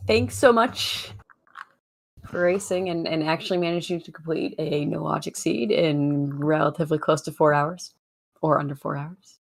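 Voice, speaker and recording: A woman's voice: low-pitched, moderate pace, vocal fry. A woman hosting a game race stream, wrapping up the show and thanking the racers in casual chat. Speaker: host.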